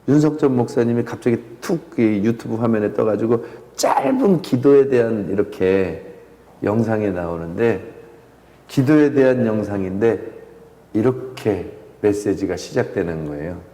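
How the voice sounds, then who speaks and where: A male pastor preaching a sermon, swinging from loud impassioned pleas to hushed near-whispers. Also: on the low side, very animated, measured pace. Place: church sanctuary. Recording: echoey church hall with long reverb.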